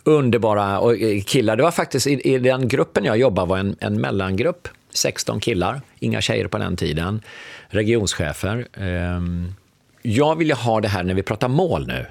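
A middle-aged man telling a long anecdote in a relaxed chat, acting out the lines of the people in it. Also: fairly low pitch, gravelly, dry recording. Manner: animated anecdote teller acting out dialogue. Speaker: podcast guest. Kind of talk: storytelling in casual conversation.

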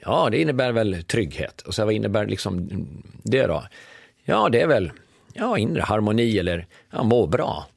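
Husky-voiced man telling an animated story. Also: lowish voice, no echo, clean studio sound. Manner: animated storyteller acting out dialogue. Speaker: podcast guest. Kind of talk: storytelling in casual conversation.

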